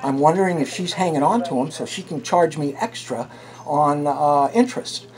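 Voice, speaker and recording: A man's voice: a little high, normal speed, a crowd in the background. Combative man arguing at a town office. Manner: combative, insistent, raises his voice. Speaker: taxpayer filming a town office. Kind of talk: heated confrontation. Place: small town hall office, indoors. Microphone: handheld camera recording.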